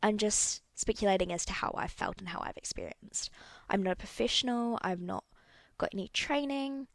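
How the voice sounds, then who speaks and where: A young woman with a medium-pitched voice hosts a solo podcast at normal speed with no echo. Her casual talk is candid and a bit rambling, and she corrects herself as she goes.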